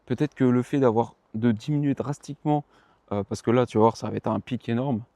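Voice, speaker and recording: Outdoors, a young running vlogger chats casually to his viewers about his training. His mid-range voice is mellow and darker, brisk yet tired, and he rambles, corrects himself and uses slang. The recording is dry and close.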